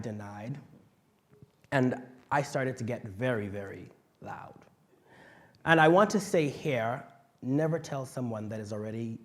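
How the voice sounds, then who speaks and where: Speaking in a mid-range voice, this young Bahamian man shares a personal story on a panel. He's passionate and vocal, moving from quiet asides to loud outbursts.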